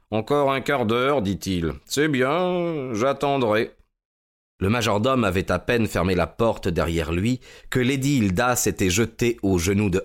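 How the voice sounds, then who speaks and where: Man narrating a classic mystery. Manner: low, even storytelling delivery. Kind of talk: scripted audiobook narration.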